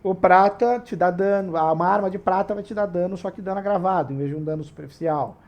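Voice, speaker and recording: A man's voice: sits high, fast, muffled recording. A man with a Brazilian Portuguese accent, hosting a tabletop RPG channel and explaining rules in a casual, digressive way with frequent tag questions.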